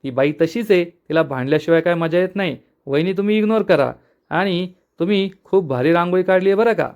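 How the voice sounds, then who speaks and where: A cheeky younger brother who teases and stands up for his family, as a man reads his lines in a retelling. He sounds bold and a little mocking, in a smooth, slightly high voice. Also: brisk, darkish tone. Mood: teasing. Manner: teasing, bold.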